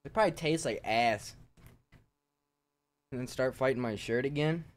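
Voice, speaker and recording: A man's voice: mid-range voice, moderate pace. A young man streaming, chatting casually to his viewers in slang with plenty of swearing. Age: young adult. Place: small bedroom, indoors.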